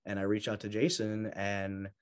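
Deep-voiced young man, lively storyteller. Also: moderate pace, clear, resonant tone. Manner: lively storyteller, laughs often. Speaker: guest bodybuilder. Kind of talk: casual interview chat.

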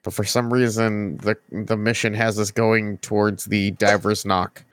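A man's voice: fairly low pitch, little pitch movement, a little slow, no room sound. Casual man in a dry, close recording. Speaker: tabletop game player. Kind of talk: casual improvised role-play.

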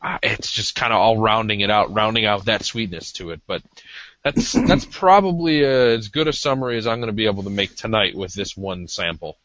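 A man with a low, bright-edged voice talks casually as a podcast co-host. He is hesitant and self-deprecating, and the recording is dry and a little lo-fi. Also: big pitch swings, a little fast, no room sound. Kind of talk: casual, discursive talk. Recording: slightly dull lo-fi audio.

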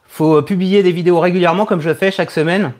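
With a steady, slightly mellow tone, a higher-pitched man in his thirties answers viewers' questions on his live Q&A stream. The online video creator speaks haltingly and hesitantly, repeating words as he thinks.

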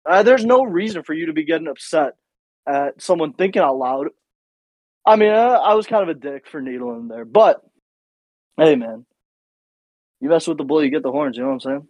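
A man's voice: on the high side, lively intonation, moderate pace, pauses often, a little mellow, dry recording, rough recording. Cocky man telling a casual story. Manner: rambling, profane, cocky storyteller. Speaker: podcast co-host.

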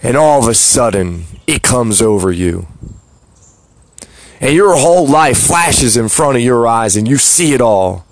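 Slow-talking man giving motivational talk. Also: mid-range voice, animated, no room sound. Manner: slow, reflective, rhetorical "right?" asides. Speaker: podcast host. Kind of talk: motivational monologue.

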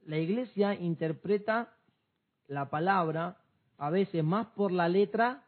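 A man's voice: sits high, slow. A man, co-host of a church talk, reasoning aloud with many restarts. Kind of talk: church discussion program. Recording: tinny phone-like sound.

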